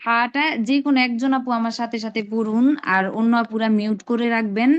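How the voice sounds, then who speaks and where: A woman with a high voice leads an online lesson, explaining patiently step by step. She stretches each sound she demonstrates. The call audio is dull and lo-fi. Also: steady tone, fairly quick. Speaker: Arabic pronunciation teacher. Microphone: video call.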